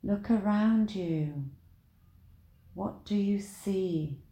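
A woman leading a guided meditation in a soothing, deliberate manner, with long pauses between short phrases. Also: medium pitch, warm tone, echoey room.

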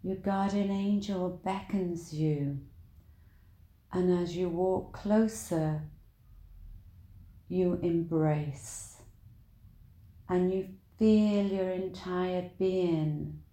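A woman leading a guided meditation in a soothing, deliberate manner, with long pauses between short phrases. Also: lowish voice, mellow, reverberant.

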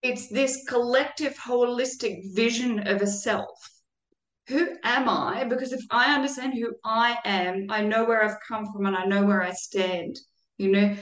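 A woman's voice: a little high, reverberant, low-quality recording. A woman guest speaking earnestly and reflectively about care and community in a conversational interview. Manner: earnest and reflective, with occasional laughs.

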